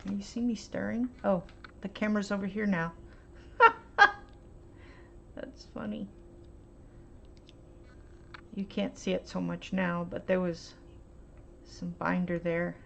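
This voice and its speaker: A woman's voice: medium pitch, flat delivery, vocal fry, darkish tone. A woman chatting her way through a paint swatching demo at home, rambling and hesitant with lots of ums. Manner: rambling, hesitant, fills pauses with um and uh. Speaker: art vlogger. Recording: dull lo-fi home recording, faint hiss.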